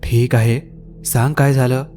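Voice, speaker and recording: Brief: a man playing an easygoing, bold young friend, calm and teasing, mellow low tone. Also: unhurried, faint music behind, close to an everyday voice.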